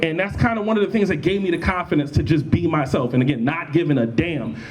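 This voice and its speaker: A young man speaking as a panelist at a convention, animated and laughing often, with lots of restarts. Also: fairly high pitch, quick pace, crowd noise. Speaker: panelist, battle rapper. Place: college event room.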